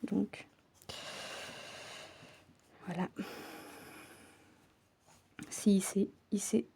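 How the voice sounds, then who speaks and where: A woman casually chatting while she works on her cross-stitch, often stumbling over her words and dropping into soft, whispered asides. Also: medium pitch, little pitch movement, extremely slow, vocal fry, slight background noise.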